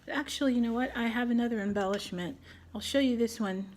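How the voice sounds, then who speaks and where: A woman's voice: on the high side, fast talker, darkish tone, slight background noise. A middle-aged woman hosting a casual crafting tutorial at home, chatting and thinking aloud as she works. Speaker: craft video host.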